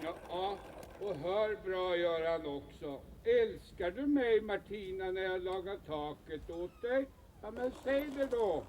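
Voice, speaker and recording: A man playing Oskar, a jovial high-voiced tramp. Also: a little hiss or hum, lightly acted. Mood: easygoing. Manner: easygoing, sighing, breaks into folk song. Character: carefree wandering male tramp, warm and jovial. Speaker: wandering tramp who also sings. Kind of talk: 1980s film drama with songs. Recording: film soundtrack with loud music.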